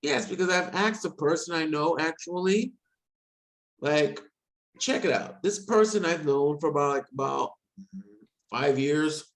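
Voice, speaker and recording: A man in his forties chatting casually on a video call, rambling quickly and self-deprecating. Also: on the high side, rough recording. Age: 40s. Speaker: discussion guest.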